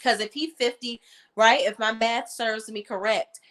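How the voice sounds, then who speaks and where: Co-hosting a reality TV opinion panel, this woman speaks with a drawl in a steady, slightly bright voice at a measured pace. Her casual, colloquial chatter includes quotes she acts out in a lower voice.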